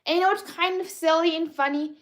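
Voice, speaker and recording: A woman with a high, youthful voice hosts a live art stream and chats casually while she draws. Her delivery is playful and childlike, with lots of false starts and restarts. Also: steady tone, fast. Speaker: livestream artist host. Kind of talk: casual livestream chat while drawing.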